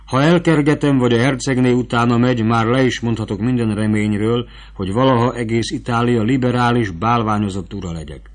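A man's voice: mid-range voice, hardly any pauses, close to an everyday voice. A man reading as a fawning, scheming court prosecutor. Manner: wheedling and eager to bargain.

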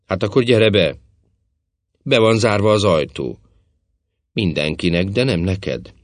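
A man's voice: low voice, lively intonation, no room sound, pitched above the performer's own voice. A man reading an audiobook, voicing a vain, flirtatious stage actress who teases and coaxes in a coquettish manner. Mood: coaxing. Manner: coquettish, teasing, affectionate. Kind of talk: audiobook character voice.

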